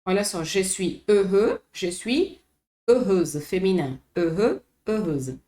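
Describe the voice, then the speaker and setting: A woman with a Brazilian Portuguese accent teaching a vocabulary lesson, slowly repeating each word for her students. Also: mid-range voice, lively intonation, dark tone. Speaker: French teacher. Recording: echoey room.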